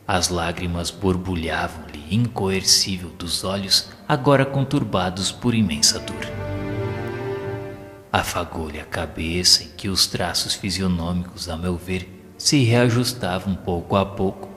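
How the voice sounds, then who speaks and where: Reading an audio drama script, a man uses a deep, fairly bright voice at a slightly slow pace. His manner is solemn, formal and literary, with background music and a long hall reverb around him.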